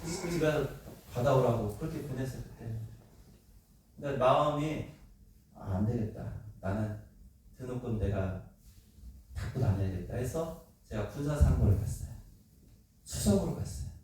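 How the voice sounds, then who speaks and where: Animated male pastor in an echoey sanctuary. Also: mid-range voice, normal speed, long pauses, distant mic, slight background noise. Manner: animated, acts out quoted voices, asks the congregation questions. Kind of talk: sermon. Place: church sanctuary. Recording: echoey church hall, speaker away from the mic.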